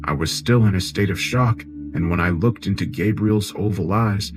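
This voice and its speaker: A man narrating a science fiction horror story in a measured, grave tone, with music behind. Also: fairly low pitch.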